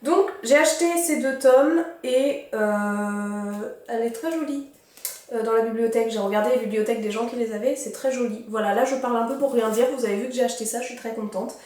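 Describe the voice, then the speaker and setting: A woman's voice: on the high side, brisk, a little mellow. A young woman in her twenties, a student, chatting casually and rambling through a book haul with many fillers. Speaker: book vlogger. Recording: echoey room.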